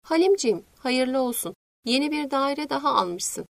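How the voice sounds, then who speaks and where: A woman's voice: high voice, animated, moderate pace, gravelly, no echo. A woman voicing a wealthy male businessman who teases his partner with sly hints, read as part of an audiobook. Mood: teasing. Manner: teasing.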